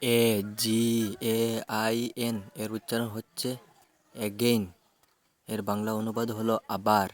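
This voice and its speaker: In a vocabulary lesson, a lowish-voiced man calmly spells English words letter by letter, then gives what each means in Bengali. He keeps an even, measured pace.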